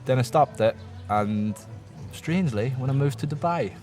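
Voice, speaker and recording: A man's voice: medium pitch, normal speed. A young Irish man in his twenties, telling a rambling anecdote in casual podcast talk. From Ireland. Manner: rambling anecdotal storyteller, animated quotes. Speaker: guest. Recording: music playing in the background.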